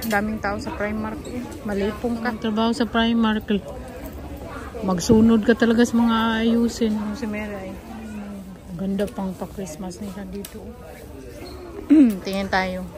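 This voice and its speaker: A woman's voice: medium pitch, flat delivery, measured pace, low-quality recording. A woman from the Philippines filming a casual shopping vlog, chatting along as she browses shops and a street market. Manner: chatty running commentary, calls companion "Day". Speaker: vlogger. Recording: crowd noise around. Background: crowd chatter.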